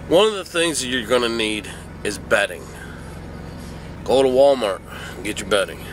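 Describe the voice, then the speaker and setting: A middle-aged man records a casual vlog, sounding sick, drained and groggy, almost hungover. His talk is folksy and plainspoken, at an ordinary male pitch. Music plays clearly behind his voice. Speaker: truck driver vlogger. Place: truck cab.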